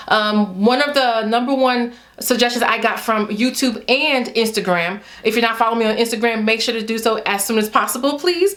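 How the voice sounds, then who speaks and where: Chatty Haitian-born woman vlogger. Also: on the high side. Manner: chatty, animated, talks straight to viewers. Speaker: hair vlogger. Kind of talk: casual chat to camera.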